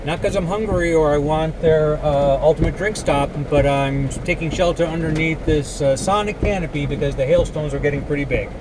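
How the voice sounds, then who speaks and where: A middle-aged man giving halting, matter-of-fact storm-chasing commentary as he drives, recorded on an in-car camera. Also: a little high. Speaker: storm chaser. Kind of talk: vlog narration while driving. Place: inside a moving car on the road. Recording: loud car, road and rain noise.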